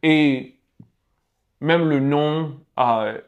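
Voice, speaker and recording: A young man from Congo, talking in a relaxed, reflective way about his life and laughing easily. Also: on the high side, extremely slow, highs cut off. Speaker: guest. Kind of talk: casual conversation.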